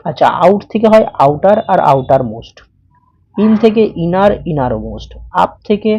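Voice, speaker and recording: A woman's voice: lowish voice, expressive, normal speed, dark tone, husky, dry recording. A woman with a Bengali accent teaching English grammar. She explains each rule step by step, spells words out letter by letter and puts questions to the viewer. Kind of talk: explanatory lesson. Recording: dull, muffled sound.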